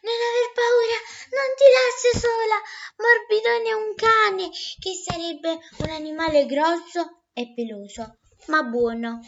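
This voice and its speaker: A woman voicing a brisk, bossy but caring female ant in a storybook, shrill and urgent. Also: gravelly, lo-fi sound, exaggerated voice. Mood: reassuring.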